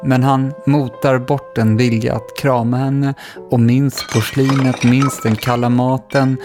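A man narrating a children's story in a calm, even storytelling voice. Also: medium pitch, over music.

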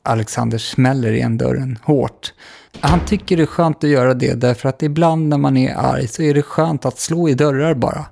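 A man narrating a children's story in a calm, even storytelling voice. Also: mid-range voice, vocal fry, slight background noise.

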